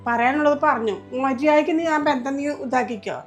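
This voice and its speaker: A woman's voice: high voice, fairly quick, faint music behind, lightly acted. A woman playing a stern, scolding mother. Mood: angry, scolding. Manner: scolding, emphatic, lamenting. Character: stern mother, fiercely protective of her daughter-in-law. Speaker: mother in a family short film. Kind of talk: home-made family drama acting.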